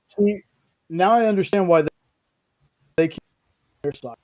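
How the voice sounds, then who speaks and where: A man chatting as a podcast co-host, his voice breaking up and cutting out over a glitchy video call, talking in halting bits. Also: sits high, a little mellow, no echo. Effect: choppy, freezing video-call audio that breaks up.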